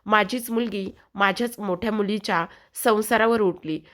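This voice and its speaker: A woman's voice: mid-range voice, steady tone, normal speed, natural voice. A woman voicing an earnest, regretful father speaking to his daughter, retold from a TV serial.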